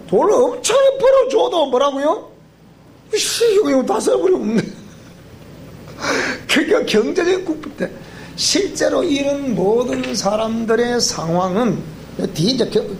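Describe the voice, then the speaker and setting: A male pastor with a Gyeongsang accent giving a joking, animated seminar lecture that quizzes the audience. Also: extremely high pitch, a little hiss or hum. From Gyeongsang region of Korea. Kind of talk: sermon-style seminar lecture. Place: church hall.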